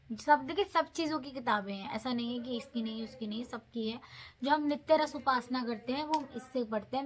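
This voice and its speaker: A woman's voice: on the high side, a bit bright. A woman giving patient, repetitive step-by-step guidance on daily devotional reading, mixing English words into her talk. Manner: patient, repeats instructions, mixes in English words. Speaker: devotee guiding followers on daily scripture reading. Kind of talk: casual devotional how-to talk.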